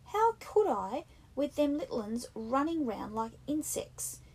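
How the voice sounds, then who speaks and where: A woman voicing an anxious, fussy schoolboy who scolds the others indignantly, in husky, rough-grammared speech. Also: sits high, very animated, unhurried, darkish tone, voice pushed up, exaggerated voice, low-quality recording. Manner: indignant, breathless, nagging, with a rough country-boy grammar. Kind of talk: audiobook character reading.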